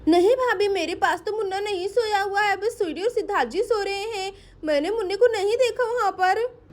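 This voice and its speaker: A caring young woman calls around the house in a high, fretful voice, as a woman puts her on. She belongs to a doll play storybook video. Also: fairly quick. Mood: anxious. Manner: fretful, urgent calling.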